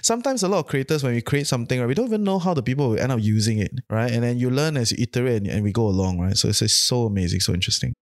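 A man's voice: medium pitch, racing, few pauses, no room sound. A man hosting a casual podcast, talking with a nasal voice, laughing often and tagging "right?" onto his points. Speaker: podcast host.

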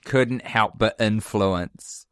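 A man's voice: on the low side, extremely slow, fairly bright tone, smooth, no echo, clean studio sound. A man co-hosting a podcast in casual chat, blunt and exasperated with a sardonic edge. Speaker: podcast co-host.

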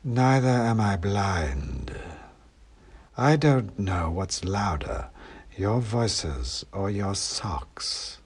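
A man voicing a sly, taunting giant male cat, speaking in a slow, throbbing, whispery voice as he reads an audiobook. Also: on the low side, big pitch swings, breathy edge, full character voice. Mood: menacing. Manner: slow, drawn-out, mocking. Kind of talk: audiobook reading.

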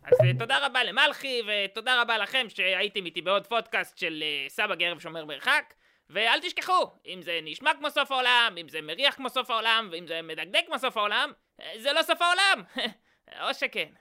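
A cranky old grandpa, played by a man, hosts a comedy podcast from quarantine. His voice is very bright and sharp, and he grumbles and scolds at the slightest thing. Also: sits high, big pitch swings, clean tone, heavily acted. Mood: grumbling. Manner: grumpy, snaps and scolds. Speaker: host.

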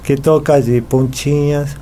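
Slow, fairly even, and dark-toned despite a fairly high pitch, this middle-aged male voice belongs to an artist and sculptor from Buenos Aires. He's a native Spanish speaker with an Argentine accent answering in a conversational interview, with a little hiss or hum audible.

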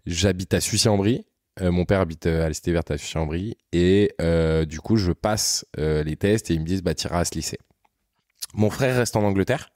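A French man in his thirties, a podcast guest, telling his life story in a relaxed, slangy, rambling way. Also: sits low, moderate pace, dry recording, studio quality. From France. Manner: rambling, slangy, frequent "tu vois" asides. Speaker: podcast guest, content creator. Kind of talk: casual storytelling conversation.

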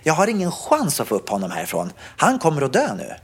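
Animated storyteller with a lively pitch. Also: slightly rough. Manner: animated storytelling, acting out own shouts. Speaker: podcast co-host. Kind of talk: casual podcast chat.

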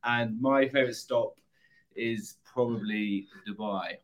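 A man's voice: medium pitch, fairly even intonation, slow. A man with an English accent chatting casually as a rugby player guest, hesitant and jokey. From England. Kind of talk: casual chat.

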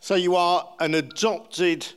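A man's voice: sits high, fairly even intonation, takes it slowly, a bit bright, clean tone. A man conducting a conversational interview in an affirming, reflective manner.

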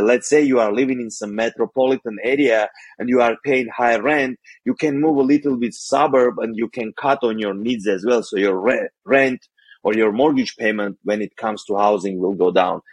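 In a dry recording, a medium-pitched male voice with a breathy edge offers careful money tips. He's an Armenian-accented man from Armenia, appearing as a guest financial coach on an interview podcast and using some non-native phrasing.

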